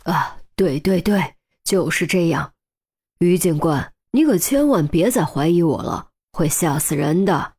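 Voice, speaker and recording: A woman's voice: fairly low pitch, lively intonation, unhurried, darkish tone, breathy edge, voice pushed down, heavily acted. A woman voicing a flustered middle-aged male college administrator who pleads his innocence. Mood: relieved. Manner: pleading, defensive. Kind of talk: audiobook character voice.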